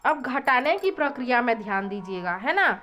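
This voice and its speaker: A woman's voice: high voice, big pitch swings, normal speed, a bit bright, faint music behind. A woman math teacher, explaining a classroom lesson and counting digits aloud as she goes. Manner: counts digits aloud, checks in with "thik hai". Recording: dull lo-fi recording.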